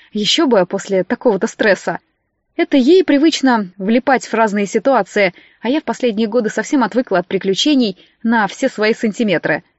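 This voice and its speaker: A woman narrating an audiobook, switching into lively character voices for the dialogue. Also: on the high side, no echo, muffled recording.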